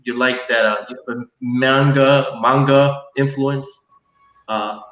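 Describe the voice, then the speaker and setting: A man's voice: medium pitch, fairly even intonation, slow pace, a bit bright. A man hosting a casual livestream while he draws, rambling with many fillers and restarts. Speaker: livestream host. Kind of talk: casual chat while drawing. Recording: roomy, distant from mic.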